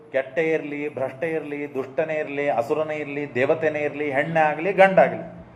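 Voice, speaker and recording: A man's voice: sits high, roomy sound. A man giving a religious discourse. He tells stories and asks and answers his own rhetorical questions. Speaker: preacher giving a scripture discourse.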